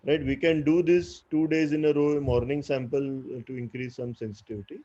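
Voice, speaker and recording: A man with an Indian English accent gives an online clinical lecture to postgraduates. His voice is mellow and his speech is full of "uh"s and "right?" tags as he explains. The sound is dull and lo-fi, like audio from a video call. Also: fairly high pitch, steady tone, a little fast. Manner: explanatory, with frequent "uh" and tag "right?". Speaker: doctor teaching postgraduates.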